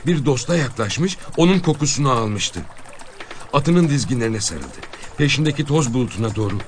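A man reading a dramatic story aloud as narrator, expressive and with measured pauses. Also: mid-range voice, slight background noise.

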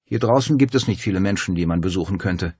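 A man's voice: deep voice, fast talker, a little mellow, husky, no room sound, studio quality. A man voicing a determined young woman who speaks urgently and decisively. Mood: tense.

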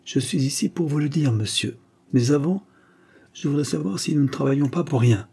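A man's voice: a little high, normal speed, gravelly, a little mellow, slightly rough, pitched above the performer's own voice. A man voicing a boastful, cheeky Gascon private detective who talks with cocky self-assurance. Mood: assured.

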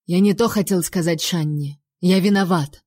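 A woman doing a hoarse, insistent king. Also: on the low side, normal speed, a little mellow, no echo, clean studio sound, lightly acted. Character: remorseful king, insistent and passionate.

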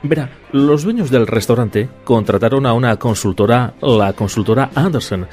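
A man's voice: medium pitch, normal speed, darkish tone, soft background music, natural voice. A man playing a courteous, matter-of-fact male waiter in an amateur radio sketch. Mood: polite. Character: overly polite efficient male waiter.

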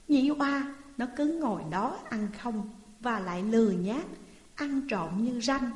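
A woman's voice: a little high, a little mellow. A woman reading a folk tale voices a greedy, scheming wife who talks her husband into mistreating his young brother. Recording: echoey reverberant room.

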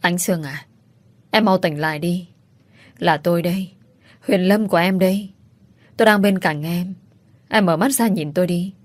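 Lady reading a sweet young husband, soft and pleading, lowish voice. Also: moderate pace, long pauses, dry recording, lightly acted. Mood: tender. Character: young husband, tender and devoted.

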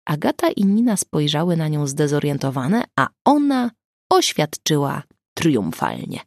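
Female audiobook narrator, low gravelly voice, measured even read, dry close mic. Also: no room sound.

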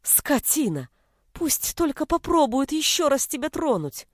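A woman's voice: high-pitched, sing-song, unhurried, no echo, clean studio sound, pitched above the performer's own voice. A woman voicing a young village woman, a fierce, blunt-spoken elder sister protecting her little brother. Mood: furious. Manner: blunt, rough-spoken, shouting in anger.

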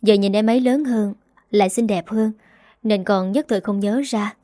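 Woman reading a gentle, weak young man. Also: mid-range voice, moderate pace, dry recording, clean studio sound, natural voice. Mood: friendly.

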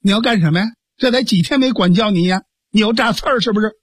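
A man voicing a bold, proud young woman martial artist who scolds briskly, with a husky voice. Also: high voice, no echo, studio quality. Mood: scolding.

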